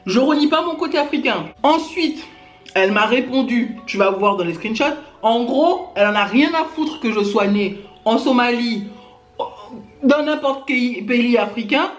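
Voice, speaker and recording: A Gabon-born YouTuber addresses her critics head-on in an indignant rant to camera, her fairly high voice animated and at normal speed. She fills her talk with little tags such as "hein" and "genre." Faint music plays in an echoey room.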